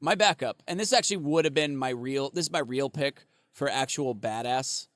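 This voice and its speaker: Co-hosting a podcast, a man chats casually, rambling, swearing, laughing often and using plenty of fillers. His voice is medium-pitched and fairly bright at a normal speed, captured in a dry, clean studio recording.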